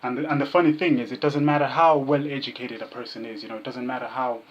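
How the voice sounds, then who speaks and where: Speaking quickly with fairly even intonation and a medium pitch, a Kenyan vegan activist appears as a casual interview guest. He repeats himself and jokingly imitates his opponents' comments, all captured in muffled, dull lo-fi audio.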